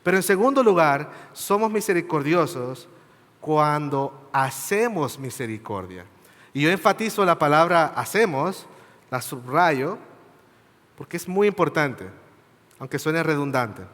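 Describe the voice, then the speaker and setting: A man's voice: a little high, lively intonation, moderate pace, a bit bright. A man preaching a sermon, earnestly asking his congregation direct questions and checking in with short tag questions. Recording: reverberant church hall.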